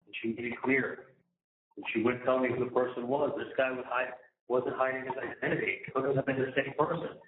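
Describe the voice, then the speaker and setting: A man's voice: mid-range voice, flat delivery, brisk, a little hiss or hum. Man on a prison phone, indignant, swearing, tinny line, echoey. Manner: agitated, indignant, repetitive, swearing. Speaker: inmate calling his mother. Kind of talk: phone conversation. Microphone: prison phone handset.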